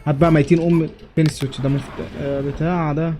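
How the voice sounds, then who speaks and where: A young gamer with an Egyptian Arabic accent gives jokey let's play commentary on his playthrough, talking back to the characters. His voice is on the high side and warm but flat in delivery, and he races along. There's a little hiss or hum.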